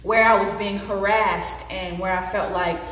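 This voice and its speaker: A woman in her late twenties speaks openly and earnestly in a personal vlog, her hands moving as she talks. Her voice sits at an ordinary middle pitch. It rings around a bare, very echoey room with a long reverb tail, picked up by the camera's own mic. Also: measured pace. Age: late 20s. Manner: earnest, expressive, gestures with hands while talking. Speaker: vlogger. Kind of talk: candid personal vlog talk.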